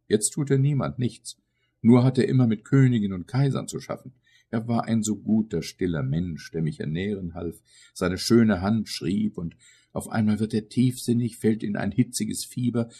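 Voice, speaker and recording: A man's voice: deep voice, warm tone, husky, exaggerated voice. A man reading an audiobook, voicing a grieving old mother who pities her mad son. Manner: lamenting, pitying.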